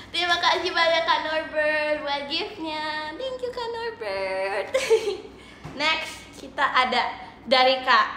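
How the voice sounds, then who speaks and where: A woman's voice: sits high, bright, forceful tone, roomy sound, a little hiss or hum. A young woman with an Indonesian accent hosting an idol livestream, chatting casually, giggly and singsong, often laughing.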